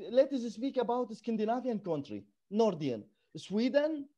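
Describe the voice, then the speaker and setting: High-voiced man speaking earnest English. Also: sing-song, normal speed, dark tone. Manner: earnest and emphatic, non-native English with broken grammar. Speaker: refugee activist guest. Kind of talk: conversational interview.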